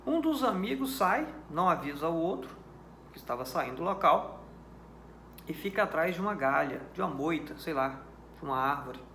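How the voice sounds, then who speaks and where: In a reverberant room with a little hiss or hum, a Brazilian criminal law lecturer with a Brazilian Portuguese accent explains points one step at a time. His slightly high, creaky, somewhat bright voice is very animated at a moderate pace. He teaches didactically, repeating the main ideas and checking comprehension through rhetorical questions.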